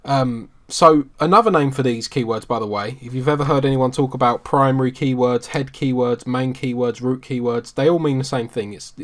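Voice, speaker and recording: A man from the UK, teaching a screen-share marketing tutorial in a relaxed, conversational way with frequent ums. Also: mid-range voice, normal speed, few pauses. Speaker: SEO marketing instructor.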